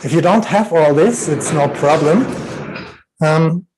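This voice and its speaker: A German man speaking English with a German accent, introducing a yoga sequence with many pauses and fillers. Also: a little high, noisy background. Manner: slow, halting, many fillers. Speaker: yoga teacher. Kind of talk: online yoga session introduction.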